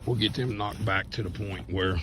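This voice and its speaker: Hoarse man, low voice, folksy rambling vlog on his land, wind and outdoor noise behind. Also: moderate pace. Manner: plain-spoken, rambling, folksy. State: sore throat, lost voice. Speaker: vlogger showing his land. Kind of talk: casual walk-around vlog. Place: outdoors on rural property.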